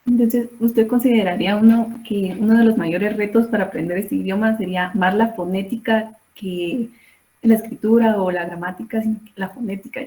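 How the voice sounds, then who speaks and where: A woman's voice: mid-range voice, steady tone, normal speed, mellow, low-quality recording. A woman, a student interviewer, asking questions politely and in an orderly way.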